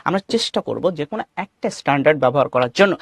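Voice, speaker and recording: A man's voice: on the high side, lively intonation, fast talker, creaky, no echo, clean studio sound. A man from Bangladesh with a Bangladeshi Bengali accent, teaching an English lesson in an online class. He asks the class questions, reads out students' names and mixes English phrases into his Bengali.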